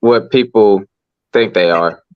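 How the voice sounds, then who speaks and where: A man's voice: lowish voice, slow, dry recording, narrow, tinny audio. A man livestreaming, chatting in a laid-back, country way. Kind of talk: casual chat.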